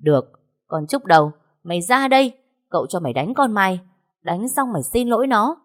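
A woman's voice: mid-range voice, big pitch swings, fast. Woman doing a cold domineering young husband. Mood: angry. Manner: harsh, commanding.

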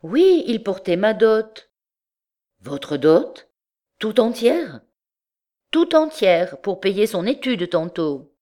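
A woman's voice: mid-range voice, sing-song, slow, warm tone. A woman reading aloud voices a frightened young wife abandoned by her husband, pleading in a raised voice. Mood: tearful.

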